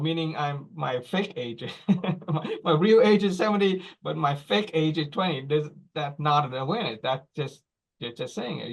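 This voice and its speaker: With a fairly high-pitched voice, a man in his forties teaches slowly in brief phrases. He keeps checking understanding by asking "right?" and "okay?".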